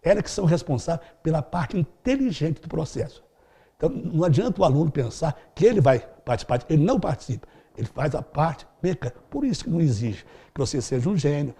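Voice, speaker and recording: A man's voice: on the high side, big pitch swings, fast talker, mellow, breathy edge. A middle-aged man answering interview questions as a speed-reading instructor, explaining in a didactic way with vivid everyday examples.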